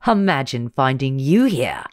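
A reader voicing a gravelly, menacing male nobleman who taunts and threatens loudly. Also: mid-range voice, lively intonation, moderate pace, no echo, studio quality, voice pushed up, lightly acted.

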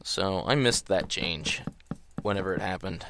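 A man's voice: sits low, a little slow, noisy background. A man giving casual gameplay commentary in a groggy early-morning voice, rambling and hesitant. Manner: rambling, hesitant, full of ums and trailing thoughts.

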